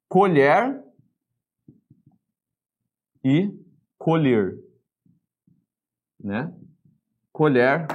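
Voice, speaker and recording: A Brazilian man teaching a grammar lesson in a lively, chatty way, often asking the class questions. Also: mid-range voice, breathy edge. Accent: Brazilian Portuguese.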